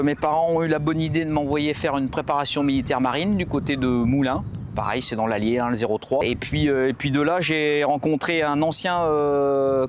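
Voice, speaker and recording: A man's voice: medium pitch, slight background noise. Hesitant French ex-commando man. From central France. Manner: hesitant, many fillers and restarts. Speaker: former navy commando instructor. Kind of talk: recorded portrait interview. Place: outdoors at a harbor site.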